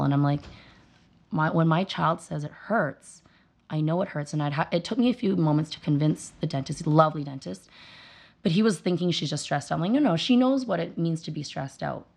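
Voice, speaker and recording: A woman's voice: sits low, creaky. A woman in her thirties, a mother being interviewed, telling earnest stories and acting out the dialogue. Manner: earnest, animated storytelling with quoted dialogue. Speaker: guest, mother and dental hygienist. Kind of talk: casual interview conversation.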